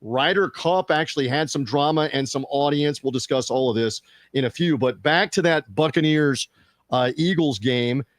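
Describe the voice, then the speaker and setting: A man hosting a sports media podcast, chatting casually with fillers and quick restarts. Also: on the high side, dry recording, studio quality. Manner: conversational, fillers and restarts, reads out show plugs.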